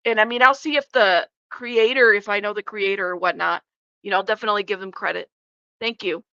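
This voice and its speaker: A livestream host with a stuffed-up, congested nose chats casually and bluntly with her viewers, swearing freely and talking straight to chat. Her voice is fairly high with a sharp tone. The recording is lo-fi with no room sound.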